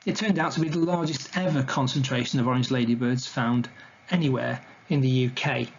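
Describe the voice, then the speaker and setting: A man's voice: medium pitch, fairly even intonation, brisk, muffled recording, a little hiss or hum. A man giving an illustrated talk on wildlife to slides, in an informal, conversational way. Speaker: wildlife educator presenting a talk.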